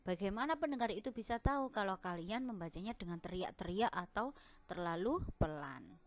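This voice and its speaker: A woman's voice: mid-range voice, expressive, a little fast. A young woman, a primary school teacher, patiently explaining a lesson to children in an online class.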